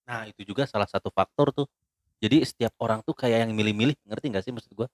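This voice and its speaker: Fast-talking young Jakarta man, slangy. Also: lowish voice, no room sound, clean studio sound. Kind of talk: casual chat in Jakarta slang.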